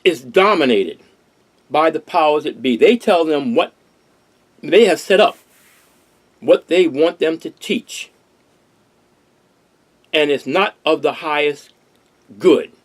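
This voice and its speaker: Older New man, host, earnest and rambling, slightly high voice. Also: lively intonation, slow, long pauses. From Harlem, New York. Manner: earnest, rambling with restarts and repeated phrases. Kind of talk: casual discussion.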